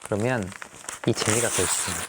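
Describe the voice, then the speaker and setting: Low-voiced male teacher explaining activities. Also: a little fast, very noisy. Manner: friendly explaining, with filler "어" and "자". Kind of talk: classroom activity tutorial.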